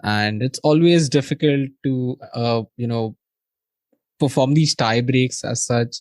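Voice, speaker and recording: A man's voice: medium pitch, takes it slowly, darkish tone, no room sound. Chuckling man, podcast co-host, dry sound. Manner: laughs often, hesitant fillers. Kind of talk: casual chat.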